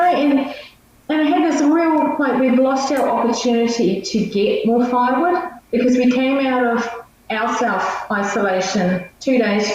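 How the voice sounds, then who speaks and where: A woman's voice: on the high side, darkish tone. A middle-aged woman with a New Zealand accent tells personal stories in a chatty, emphatic, conversational way. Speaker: missionary guest. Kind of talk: informal personal storytelling. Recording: echoey, muffled, distant, faint noise.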